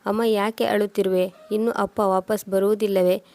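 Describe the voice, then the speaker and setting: A woman's voice: medium pitch, level tone, moderate pace, a little mellow, no room sound, close to an everyday voice. A woman voicing a small, frightened boy asking plaintive questions. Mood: worried.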